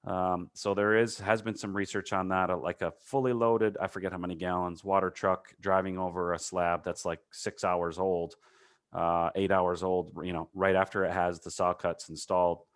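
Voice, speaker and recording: A man with a Minnesota accent answering technical questions in a webinar, halting with many fillers and self-corrections. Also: low-pitched, level tone, no room sound. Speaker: concrete paving presenter.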